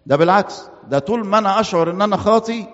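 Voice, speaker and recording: Egyptian preacher in a reverberant church. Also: male voice, high-pitched, muffled recording. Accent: Egyptian Arabic. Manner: asks rhetorical questions and answers them himself; quotes scripture slowly and emphatically. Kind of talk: sermon.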